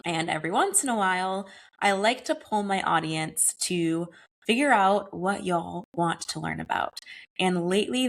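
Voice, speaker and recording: With a fairly low pitch and fairly bright tone, a young adult woman from the United States hosts a solo wellness podcast while slightly hoarse from a cold. She talks in an earnest, conversational way, using casual "y'all" and "like."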